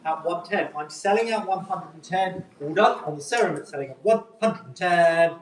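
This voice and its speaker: A man calls a live auction in a slightly raised pitch. His patter is polite and repetitive, circling through numbers and bids. The sound is echoey, with his voice some way from the microphone. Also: normal speed, distant mic, heavy background noise. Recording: echoey room, picked up from afar.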